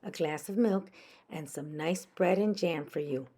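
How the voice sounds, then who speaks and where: A woman's voice: low voice, a little slow, mellow. A woman voicing a caring, patient mother animal in a children's storybook, soothing and encouraging.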